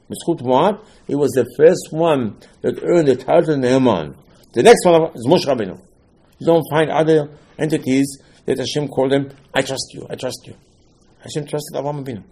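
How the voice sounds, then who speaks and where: Guy teaching torah, dark husky voice, acts out the dialogues, gets loud at points. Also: medium pitch. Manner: storytelling, acts out dialogues, rising to emphatic bursts. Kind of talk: Torah lesson.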